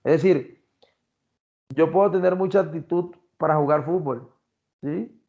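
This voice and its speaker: A man's voice: a little high, measured pace, a little mellow. Man lecturing a class, lo-fi. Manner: explains criteria step by step, addresses students directly. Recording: dull lo-fi sound.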